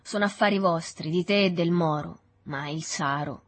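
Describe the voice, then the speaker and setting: A woman reading a quiet, evasive teenage boy. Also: lightly acted. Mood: reluctant. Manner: slow, low-key, hesitant.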